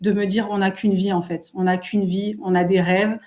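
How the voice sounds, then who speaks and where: A woman's voice: mid-range voice, flat delivery, normal speed, a little mellow. A woman, a guest speaking earnestly and reflectively in a casual interview. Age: 30s. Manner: earnest, reflective, many fillers. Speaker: guest entrepreneur.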